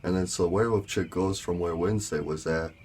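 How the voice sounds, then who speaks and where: Low-voiced man rambling through a story. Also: steady tone, fast, a little mellow, a little hiss or hum. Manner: rambling with many fillers and laughs. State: sore lower back. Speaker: vlogger. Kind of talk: casual storytelling.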